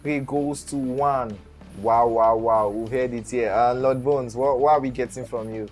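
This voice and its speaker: Energetic man from Nigeria hosting an esports stream, mid pitch, soft music behind. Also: normal speed. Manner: energetic, repeats words. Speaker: host. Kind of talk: live stream pre-match interview.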